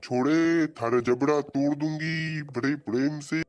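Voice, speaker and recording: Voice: medium pitch, steady tone, a little slow, darkish tone, lo-fi sound, close to an everyday voice. A man voicing a menacing old video-game granny who repeats the same threatening line. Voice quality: threatening, repetitive catchphrase.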